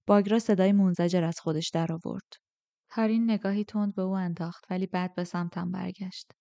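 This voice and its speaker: A woman reading a novel aloud as first-person audiobook narrator, with steady, even storytelling. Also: fairly low pitch, creaky, no echo, dull audio.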